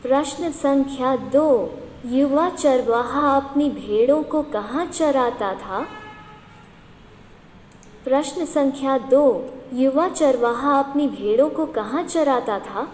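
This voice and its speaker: Slow, high-voiced Indian woman teacher dictating. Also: darkish tone, slight background noise. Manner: slow, repeats each question several times. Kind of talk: dictating questions to a class. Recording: echoey room with long reverb.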